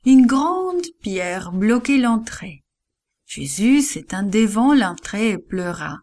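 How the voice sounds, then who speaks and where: Slow-reading woman storyteller for children. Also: medium pitch, big pitch swings. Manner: warm, unhurried reading addressed to children.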